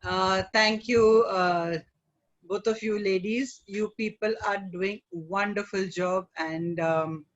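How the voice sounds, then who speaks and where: A middle-aged woman with an Indian accent talks as a guest in a conversational interview. She phrases things haltingly and often tags them with "you know". The audio is dull and lo-fi, as on an online call. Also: mid-range voice, fairly even intonation. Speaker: guest, image consultant.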